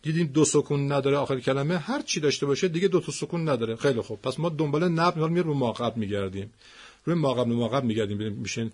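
A man teaching the stress rules of Quranic Arabic, patiently repeating words slowly. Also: mid-range voice, husky.

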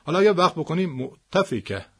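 A man teaching the stress rules of Quranic Arabic, patiently repeating words slowly. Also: fairly high pitch, sing-song, slightly rough.

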